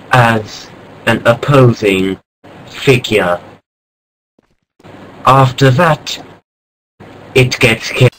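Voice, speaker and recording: Over gameplay, a man delivers mock nature-documentary narration, hushed, mock-serious, deadpan and unhurried, with occasional startled exclamations. His pitch is ordinary mid-range. The low-quality recording has faint background noise.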